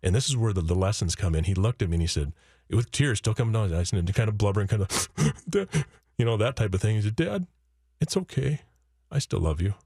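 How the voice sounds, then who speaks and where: A man's voice: lowish voice, fast, a little mellow, dry recording. A man, a guest author in a studio, telling a personal story earnestly, acting out what he and his kids said, with frequent restarts. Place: radio studio.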